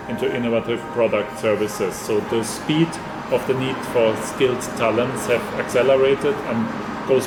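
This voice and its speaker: Flat, measured man in an echoey room. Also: medium pitch. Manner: measured, flat delivery with frequent ums and restarts. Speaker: institute director, interview guest. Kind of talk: formal interview answers.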